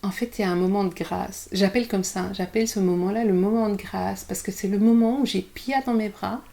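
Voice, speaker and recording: Animated woman telling her story. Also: medium pitch, a little fast, vocal fry. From Belgium. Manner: animated storyteller, vivid and self-mocking. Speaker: guest author. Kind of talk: candid podcast conversation.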